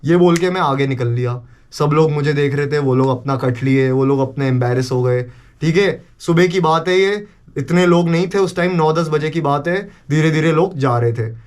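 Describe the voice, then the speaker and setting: Young guy vlogging, tells it all animated, throws in english swears, pretty high voice. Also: normal speed. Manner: animated, mixes Hindi with English swearing and phrases. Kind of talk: casual storytelling vlog.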